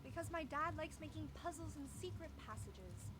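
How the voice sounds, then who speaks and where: An actress playing a washed-up teenage former child star, matter-of-fact and a little bored. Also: female voice, sits high, expressive, moderate pace, noisy background. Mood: flat explaining. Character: washed-up teenage scream-queen girl.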